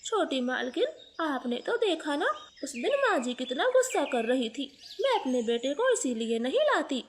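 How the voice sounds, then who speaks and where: A woman's voice: high-pitched, sing-song, moderate pace, slight background noise. A woman voicing a poor female crow maid in a storybook cartoon, speaking deferentially and earnestly. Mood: humble.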